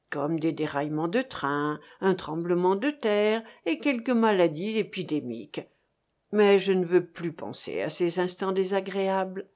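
A fussy, excitable thin old man, as a woman reader puts him on, chattering eagerly in a storybook. His lively voice climbs and swoops as he gushes. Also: medium pitch, lightly acted. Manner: gushing, chattering.

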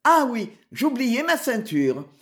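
A cheeky, chatty boy messenger, as a woman reading the story puts him on, his voice raised a little higher and swinging up and down with lively energy. He teases and jokes as he talks. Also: takes it slowly. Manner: teasing, chatty. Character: cheerful mischievous teenage boy messenger.

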